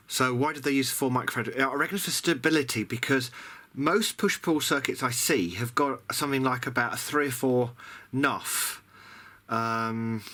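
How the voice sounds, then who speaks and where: A hobbyist radio repairer presents a restoration with casual workbench commentary, musing and hesitating as he thinks aloud. He has a medium-pitched voice with a sharp tone.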